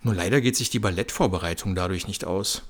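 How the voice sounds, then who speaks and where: A man voicing a chatty, fitness-obsessed young mother, his gravelly voice nudged higher for her. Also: fast talker. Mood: eager. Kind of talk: comic audio story.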